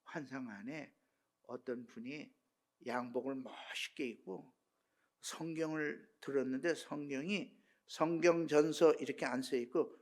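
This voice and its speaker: Gravelly older Korean pastor preaching. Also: male voice, mid-range voice, a little slow. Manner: emotional storytelling, swinging between hushed and shouting. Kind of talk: sermon with personal testimony.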